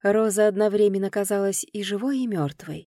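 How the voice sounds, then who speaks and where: A woman reads a first-person novel aloud with lively, expressive storytelling. Her voice is warm and mellow in the middle range. The recording is dry and close. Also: medium pitch, a little fast, no echo. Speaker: audiobook narrator. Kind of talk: first-person audiobook narration.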